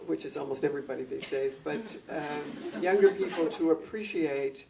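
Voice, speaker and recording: An older woman, a former school principal, reminiscing at a community gathering in an anecdotal, measured way with frequent ums. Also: low-pitched, vocal fry, noisy background. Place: library meeting room. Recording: distant mic.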